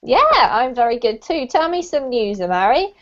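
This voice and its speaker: Running an English lesson over a video call, this woman sounds very animated, her voice on the high side and her speed normal. She chats warmly, says um a lot, and keeps laughing, all through muffled lo-fi call audio.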